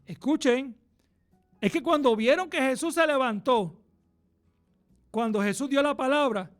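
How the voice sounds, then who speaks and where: A man preaching a radio sermon, impassioned, swinging from hushed passages to loud, fast bursts. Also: very high voice, soft background music.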